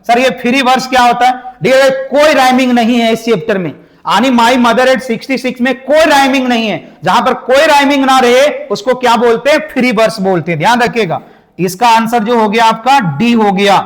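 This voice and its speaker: Teacher guy, really high voice, keeps asking what do we call this then answers it. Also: normal speed. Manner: repeats questions to the class and answers them; addresses viewers as dear guys and my brother. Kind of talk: exam-prep lesson.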